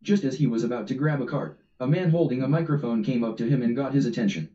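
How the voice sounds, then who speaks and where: A man's voice: mid-range voice, fast, dark tone. A man reading a comedic story aloud in a casual, amused way, recorded distant and roomy. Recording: roomy, distant, dull audio.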